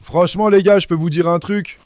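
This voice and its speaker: Young guy by his backyard pool calling his dogs in, fairly high voice, sweet coaxing tone. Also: steady tone, brisk, a little mellow, a little hiss or hum. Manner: coaxing, affectionate calls to dogs. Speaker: vlogger. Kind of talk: casual vlog chat.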